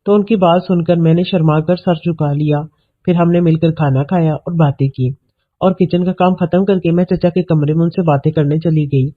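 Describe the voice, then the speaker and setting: A man narrating a scripted story in a steady, even reading manner. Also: a little high. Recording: tinny, phone-like audio.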